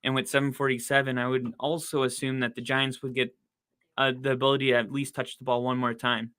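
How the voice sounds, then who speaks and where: A young man hosting a casual live football watch-along podcast, chatty and excitable, saying he is losing his voice. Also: mid-range voice, a little fast, clean tone. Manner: chatty, excitable, rising to loud disbelief at plays. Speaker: podcast host doing live game watch-along commentary. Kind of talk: casual play-by-play chat.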